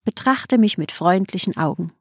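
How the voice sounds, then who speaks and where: A woman's voice: medium pitch, expressive, normal speed, slightly rough, no echo, clean studio sound. A woman reading the lines of a courteous male royal sage in formal, ceremonious speech. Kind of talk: audiobook reading.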